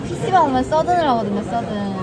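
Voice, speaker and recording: A woman's voice: sits high, animated, fast talker. A young woman chatting casually to her viewers while speaking through a face mask, indoors in a PC room. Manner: chatty, addresses viewers directly. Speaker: vlogger. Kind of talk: casual vlog chat to viewers. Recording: loud music and crowd behind.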